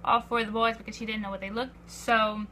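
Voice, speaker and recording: Teenage girl vlogger, bright slightly high voice, eager rambling storyteller. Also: little pitch movement, fast talker, a little hiss or hum. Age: teens. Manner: breathless, repeats "I was like", acts out quotes. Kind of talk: excited storytelling vlog.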